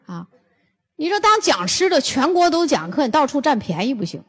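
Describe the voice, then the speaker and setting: An older woman gives a lively lecture. She tells stories bluntly and throws rhetorical questions at the audience. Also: high-pitched, brisk, long reverb tail. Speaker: lecturer on health and nutrition.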